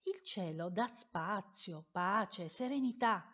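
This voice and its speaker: A woman's voice: mid-range voice, animated, slow, a bit bright, heavily acted. A woman voicing a proud male color who boasts of sky and sea in a children's story, recorded with a dull lo-fi sound. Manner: proud, interrupting. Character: boastful male blue color, lofty and calm.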